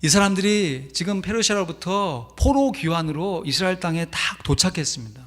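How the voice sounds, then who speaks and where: Korean pastor preaching in a ringing church. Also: male voice, high-pitched, fairly quick. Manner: animated storytelling with sudden emphatic rises. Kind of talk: sermon. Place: church sanctuary. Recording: long church reverb.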